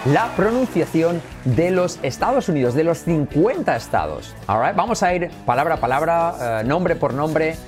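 A man's voice: fairly high pitch, lively intonation, normal speed, few pauses, over music. A man with a Spain Spanish accent, teaching English pronunciation in an upbeat online lesson. He repeats words for drilling and drops in English phrases.

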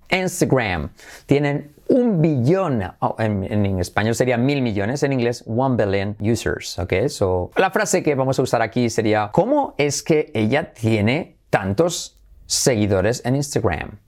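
Energetic bilingual teacher. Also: male voice, medium pitch, moderate pace. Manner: energetic, repeats drill phrases, switches between Spanish and English. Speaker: English teacher, channel host. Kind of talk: bilingual English pronunciation lesson.

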